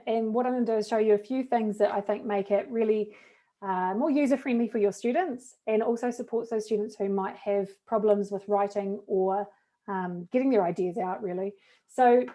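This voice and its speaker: A woman's voice: medium pitch, fairly even intonation, brisk, warm tone. A woman with a New Zealand accent, a teacher trainer chatting casually and upbeat through a live webinar demo of classroom tools.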